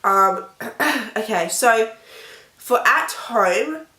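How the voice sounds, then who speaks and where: Girl vlogger w stuffy sick nose, chatting slow n casual, mid pitch, echoey room. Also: animated, bright, forceful tone. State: sick with a blocked nose, breathing through the mouth. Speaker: beauty vlogger. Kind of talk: casual talk to camera about personal experience. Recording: echoey, roomy sound.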